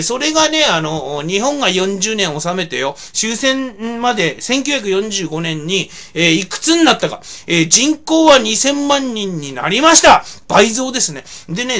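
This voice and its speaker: With a high, somewhat bright voice, a male video blogger rambles through a casual monologue. His phrasing is rough and colloquial, packed with fillers.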